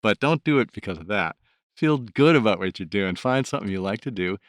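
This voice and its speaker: A man's voice: on the low side, lively intonation, quick pace, no room sound, clean studio sound. A man who volunteers as an audiobook narrator, talking about his work in a thoughtful, earnest way. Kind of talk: reflective interview talk.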